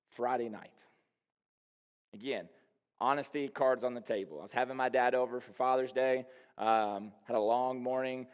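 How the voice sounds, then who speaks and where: A man of middle pitch delivers a sermon in a relaxed, storytelling way, filling his sentences with "you know" and "right?". His voice rings out with the long tail of a large church hall. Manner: candid, anecdotal, lots of fillers like "you know". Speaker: pastor. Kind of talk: conversational sermon. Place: church sanctuary.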